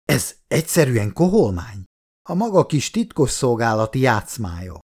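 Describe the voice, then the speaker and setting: A male audiobook reader voicing an angry old male government minister who shouts in outrage. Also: mid-range voice, very animated. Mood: furious. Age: older.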